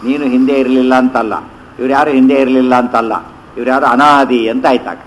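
A man teaching a scripture commentary, chanting verses slowly and then explaining them conversationally with rhetorical questions. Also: mid-range voice, a little hiss or hum, rough recording.

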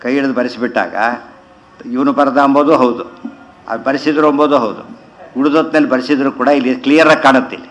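Man slowly expounding scripture. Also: medium pitch, fairly even intonation, muffled recording. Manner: chants verses slowly, then explains in quick conversational asides. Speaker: religious teacher. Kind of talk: scripture commentary lesson.

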